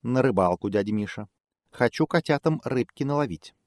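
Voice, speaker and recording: A man voicing a calm, friendly male cat who speaks politely. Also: mid-range voice, moderate pace, dry recording, clean studio sound, pitched above the performer's own voice, natural voice. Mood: easygoing.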